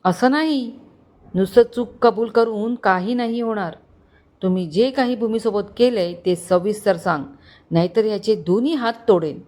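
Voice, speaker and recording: A woman's voice: mid-range voice, moderate pace, natural voice. A woman voicing an angry, protective young husband who threatens and commands. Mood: furious. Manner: shouting, commanding, stony.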